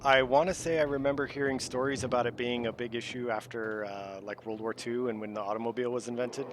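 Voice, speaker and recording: A man's voice: mid-range voice, steady tone, fast. A man from the United States, streaming and chatting casually, easygoing and rambling with lots of fillers. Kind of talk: casual chat. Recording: faint background noise.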